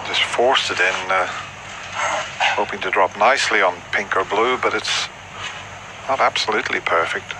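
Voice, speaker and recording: Hushed, low-voiced male snooker commentator. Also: normal speed, pauses often. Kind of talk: hushed, measured live sports commentary. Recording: loud background noise.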